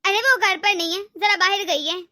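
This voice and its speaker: A woman voicing a gentle sickly mother-in-law. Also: very high voice, normal speed, heavily acted. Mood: soothing. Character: sickly, kindly older mother-in-law, always defending her daughter-in-law. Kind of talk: animated family drama voicing.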